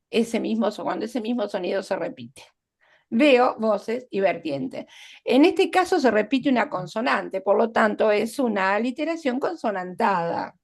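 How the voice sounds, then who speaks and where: Gravelly-voiced woman teaching literature. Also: mid-range voice. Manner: explains step by step with examples, checks in with "¿está?". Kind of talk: online class explaining literary devices.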